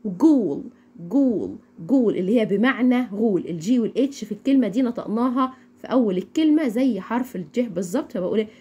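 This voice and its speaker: A young woman with an Egyptian accent teaching English phonics, repeating each word slowly for learners to echo. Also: on the high side, expressive, mellow, breathy edge, dull audio. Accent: Egyptian Arabic. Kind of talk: phonics lesson.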